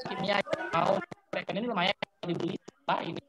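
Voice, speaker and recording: A man, a teacher presenting in a webinar, talking haltingly with many fillers while his video-call audio crackles and cuts out. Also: high-pitched, fairly even intonation. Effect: choppy video-call audio, crackling and cutting out.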